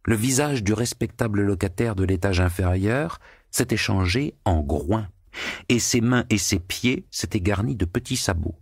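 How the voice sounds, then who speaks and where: Low-voiced male audiobook narrator. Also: slightly rough, no room sound, clean studio sound. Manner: steady, measured storytelling. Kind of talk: scripted narration.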